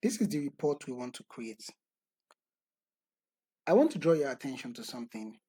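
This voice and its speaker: A man talking through a screen-recorded software tutorial step by step, in a methodical way. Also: medium pitch, big pitch swings, normal speed, husky, no room sound, low-quality recording. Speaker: tutorial instructor.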